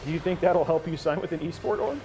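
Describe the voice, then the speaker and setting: A man's voice: fairly high pitch, fast, warm tone, a little hiss or hum, rough recording. A man hosting a casual stream, joking and teasing his guest while building a PC.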